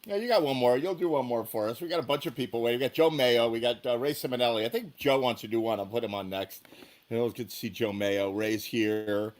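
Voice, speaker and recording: A man hosting a live online music show, chatting in a relaxed way with lots of fillers. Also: medium pitch, fast. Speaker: host.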